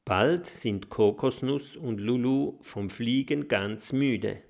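A man narrating a children's audiobook with expressive storytelling. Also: medium pitch, slow, creaky.

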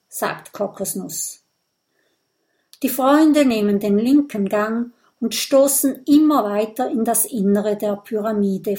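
A woman narrating a children's audiobook with slow, clear, expressive reading. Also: mid-range voice. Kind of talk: scripted children's story narration.

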